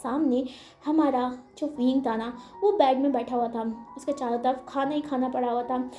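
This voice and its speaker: A woman's voice: sits high, steady tone, normal speed, warm tone, echoey room, lo-fi sound, soft background music. A woman casually retelling a fan story in a chatty way, full of fillers. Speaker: fanfiction narrator.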